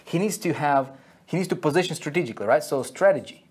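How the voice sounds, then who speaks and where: A man's voice: a little high, animated, quick pace, husky. A man teaching an online marketing lesson at a whiteboard, checking in with listeners constantly and repeating key phrases for emphasis. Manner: checks in constantly with "okay?" and "right?".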